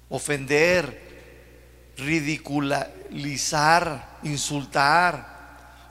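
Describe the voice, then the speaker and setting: A gravelly, fairly high-voiced man with a Mexican accent preaches a sermon. He talks in a folksy, drawn-out way and keeps firing rhetorical questions at the congregation. His voice rings with the long reverb of a church hall. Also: bright, forceful tone. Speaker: pastor.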